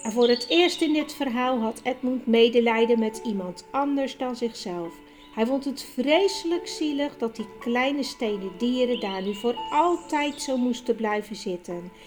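A woman narrating a children's audiobook, reading unhurriedly and with care. Her voice sits a little high, and music plays clearly underneath. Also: darkish tone. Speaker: storyteller. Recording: music bed behind the reading.

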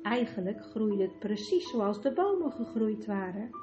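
A woman narrating an audiobook calmly and evenly. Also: medium pitch, unhurried, lo-fi sound, faint music behind. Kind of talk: scripted narration.

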